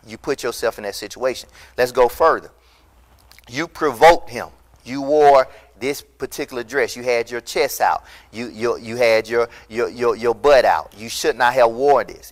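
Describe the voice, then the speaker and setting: In an empty church hall, a middle-aged man preaches as pastor with a medium-pitched voice, recorded on a lapel mic. The sermon is impassioned and emphatic, rising to loud peaks.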